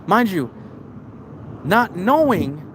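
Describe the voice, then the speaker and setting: A man's voice: sits high, big pitch swings, drawn-out words, a little hiss or hum. Profane, rambling male live-streamer. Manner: rambling, profane, with many restarts. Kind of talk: casual rant.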